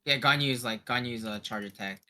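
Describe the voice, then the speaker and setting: Bright-voiced man explaining a game casually. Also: medium pitch, fairly quick. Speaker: streamer's gaming companion.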